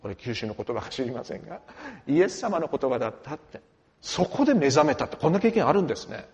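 A man preaching a sermon, lively and emphatic, with dramatic swings from quiet to loud. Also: mid-range voice, fast, long reverb tail. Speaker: pastor.

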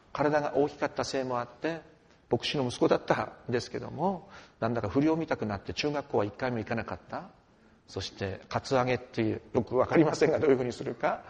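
Man, pastor, emphatic sermon, very lively pitch, long reverb. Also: dull audio. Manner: lively, emphatic preaching with dramatic swings in volume.

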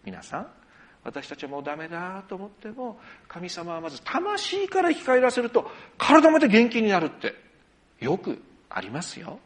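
A male pastor delivers a sermon in a fairly high voice. His delivery is highly animated, with pitch that leaps up and falls away as he tells stories. His volume swings from loud to soft from one phrase to the next. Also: moderate pace. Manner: animated storytelling with sudden rises and drops in pitch and volume.

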